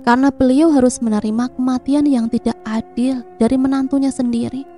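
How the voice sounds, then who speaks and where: A woman narrating a first-person horror story with a steady, somber delivery. Her voice sits a little high, yet its tone is dark and mellow. Faint music plays behind her. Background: faint background music.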